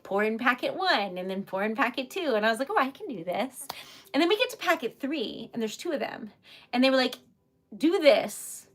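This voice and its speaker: A livestream host and independent artist from Rhode Island chats casually and animatedly, rambling and giggling in her local accent. Her voice is mid-range with a fairly bright tone.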